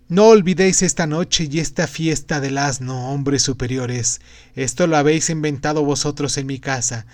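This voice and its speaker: A man's voice: fairly high pitch, darkish tone, no echo, natural voice. A man reading aloud and voicing a grave, fervent male prophet-sage in a declamatory way. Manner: declamatory, exhorting. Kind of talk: audiobook reading.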